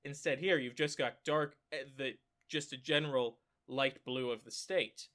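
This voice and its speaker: A man with a clogged nose talking through election maps for his own channel in a casual way, thinking aloud with many fillers and self-corrections and breaking into excited exclamations. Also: medium pitch, normal speed. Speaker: political commentary YouTuber. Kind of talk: casual screen-share analysis.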